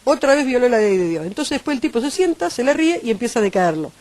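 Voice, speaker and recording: Uruguayan woman preaching, fairly high voice, dry close sound, acts out voices. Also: fast talker, no room sound. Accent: Uruguayan Spanish. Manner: animated preaching, acting out quoted voices. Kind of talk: sermon.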